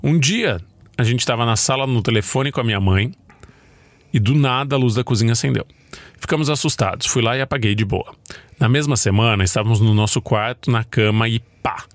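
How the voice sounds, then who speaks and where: A man's voice: brisk, no echo. A man from Brazil hosting a podcast, reading listener stories aloud with playful, jokey asides. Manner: playful, jokey asides with big pitch swings. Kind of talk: casual chat and story reading.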